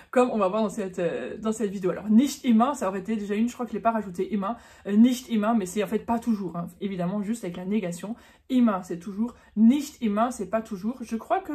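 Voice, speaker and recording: A woman's voice: medium pitch, mellow. A woman giving a casual, chatty online German lesson, correcting herself as she goes and stretching out the example words. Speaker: German teacher.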